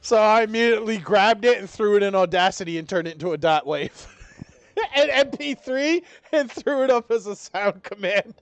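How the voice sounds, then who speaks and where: Young man, live-stream chatter, laid-back and profane, slightly high voice, dry sound, faint game music behind. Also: moderate pace, no echo. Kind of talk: casual live-stream chat while gaming.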